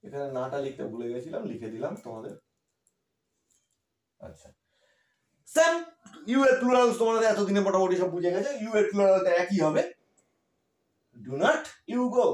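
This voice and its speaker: A male teacher with a Bengali accent explains grammar, asking questions and repeating examples slowly. His voice sits high and swoops up and down with energy. The room around him is echoey. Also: big pitch swings. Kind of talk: grammar lesson.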